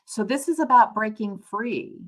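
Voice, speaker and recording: This livestream host, a woman doing a relaxed tarot reading, has a slightly high, expressive, somewhat bright voice and keeps a measured pace. She talks with her viewers in a conversational, thoughtful way, often putting things another way as she goes.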